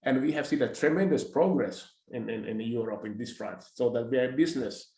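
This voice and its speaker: A man, hosting a discussion and calmly pushing back on his guest's view. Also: medium pitch. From Finland. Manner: measured, pushes back politely. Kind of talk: conversational discussion. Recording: roomy echoing audio.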